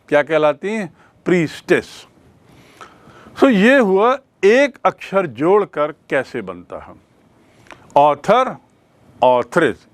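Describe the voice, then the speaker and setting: A man's voice: fairly high pitch, no room sound. A man teaching an English grammar lesson, explaining in Hindi mixed with English, repeating his questions and spelling words out letter by letter.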